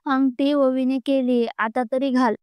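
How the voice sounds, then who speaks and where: A woman's voice: sits high, flat delivery, a little slow, clean tone, no echo, dull audio. A woman reading the lines of a blunt, sarcastic, coaxing man in a storybook romance. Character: blunt outspoken man, the groom's friend.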